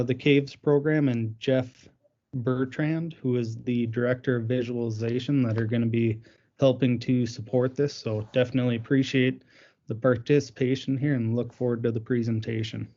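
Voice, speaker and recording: A man's voice: medium pitch, warm tone. A man hosting a webinar, giving an informal introduction and handing over to a presenter. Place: remote online call. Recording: dull, band-limited online call audio.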